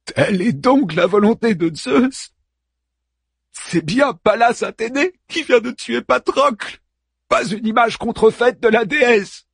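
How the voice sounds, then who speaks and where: A man playing a grief-stricken, furious young warrior hero who cries out and pleads, often shouting. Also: extremely high pitch, measured pace, creaky, slightly rough, dry recording, studio quality, pitched above the performer's own voice, exaggerated voice. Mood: pleading.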